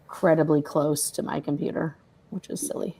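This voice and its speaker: A woman with a somewhat low voice talks over a computer mic on a video call. She tells her story in a lively, casual way, full of fillers and the odd curse. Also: fairly quick, husky. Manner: animated storyteller, frequent fillers and swearing. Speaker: guest, former member recounting experiences.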